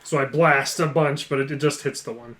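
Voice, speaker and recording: A man's voice: medium pitch, fairly even intonation, fairly quick, a bit bright. A man talking casually as a player in a tabletop role-playing game.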